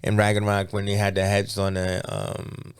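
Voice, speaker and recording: A man co-hosting a casual movie review chat, animated and jokey, often slipping into mock voices. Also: fairly low pitch, normal speed, clear, resonant tone, no echo, clean studio sound. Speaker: podcast co-host.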